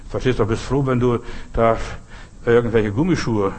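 A man preaching a sermon, speaking emphatically and straight to his listeners, often repeating his key phrases and ending in a quiet prayer. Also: mid-range voice, moderate pace.

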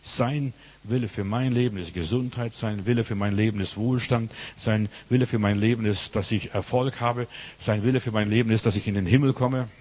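A man's voice: fairly low pitch, steady tone, a little fast. A man preaching a sermon, telling stories with emphatic, repeated phrases. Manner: voices characters loudly in stories. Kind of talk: sermon with storytelling.

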